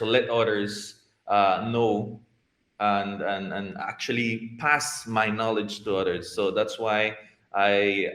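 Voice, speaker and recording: Here an IT program head from Costa Rica, a guest with a Costa Rican Spanish accent, responds to interview questions haltingly, often starting over and repeating words. His voice is lowish with a fairly bright tone, and the room sounds echoey.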